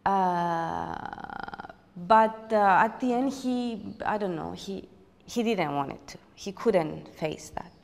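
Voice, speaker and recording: A woman recounts a painful chapter of her life for a documentary, pausing and restarting as she searches for words. Her mid-pitched voice has a gravelly, fried edge. The recording carries a long, hall-like reverb. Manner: reflective, hesitant, with frequent restarts. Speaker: documentary interviewee. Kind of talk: personal storytelling interview.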